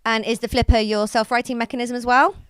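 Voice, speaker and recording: A woman presents and interviews in a clear, crisp voice that sits fairly high. The sound is dry and close. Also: steady tone, fast talker, no echo. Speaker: pit reporter, presenter.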